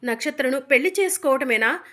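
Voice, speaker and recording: Worried mom from a serial, lady voicing her, high-ish, emotional. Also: moderate pace, close to an everyday voice. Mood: accusing. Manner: pleading, then accusing. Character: worried mother pleading for her son.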